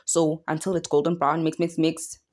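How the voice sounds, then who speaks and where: South african girl doing a cooking vid, chatty and playful, chants while she stirs, lowish voice. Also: flat delivery, moderate pace, a little mellow. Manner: playful, sing-song chanting while stirring. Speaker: cooking vlogger. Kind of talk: casual cooking tutorial.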